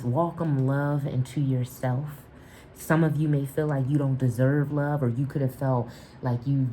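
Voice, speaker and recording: Woman, tarot reader, low dark voice, affirming and repetitive, faint room hiss. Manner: affirming, repeats herself, restarts with "and, and". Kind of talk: spiritual tarot reading to camera.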